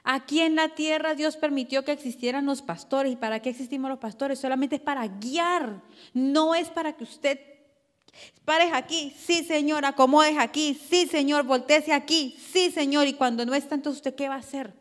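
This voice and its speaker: A woman from Colombia with a Colombian Spanish accent, preaching a sermon in a lively conversational way, asking the congregation questions. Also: sits high, moderate pace, in a large hall. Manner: animated, conversational preaching with rhetorical questions and acted quotes. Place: church hall.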